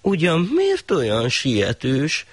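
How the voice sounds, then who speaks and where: A man's voice: fairly high pitch, huge pitch swings, fairly bright tone, no echo, voice pushed up, exaggerated voice. A man voicing a foolish, hot-tempered old shah in a folk tale, speaking in an imperious, pompous way.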